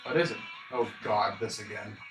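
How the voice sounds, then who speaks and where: A man's voice: fairly low pitch, normal speed, a bit bright, recorded from a distance. A man casually reacting and commenting as he plays through a game. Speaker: game streamer. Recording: echoey room, faint game music.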